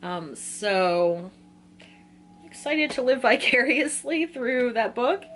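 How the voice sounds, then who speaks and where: A book vlogger in her twenties chats informally with her viewers about a list of books, giggling and often cutting herself off. Her slightly high, expressive voice is fairly bright, and she takes her time. A little hiss or hum sits under the audio.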